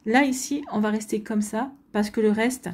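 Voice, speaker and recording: A woman gives a tarot reading and talks directly to her viewers. Her voice is mellow and dark with a husky edge. She speaks hesitantly, with many fillers and restarts. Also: a little high, fairly even intonation, moderate pace. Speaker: tarot card reader. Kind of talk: spontaneous tarot reading to camera.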